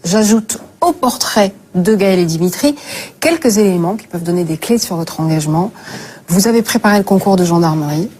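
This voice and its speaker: A woman's voice: on the low side, expressive, brisk, a little mellow. Playful, chatty talk show host woman. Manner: playful, self-mocking, chatty. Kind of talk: live talk show hosting.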